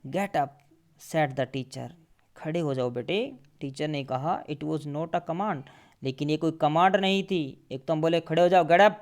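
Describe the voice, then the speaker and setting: A man, a teacher, reads each textbook line very slowly and then explains it in quicker conversational speech. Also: a little high. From India. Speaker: English teacher.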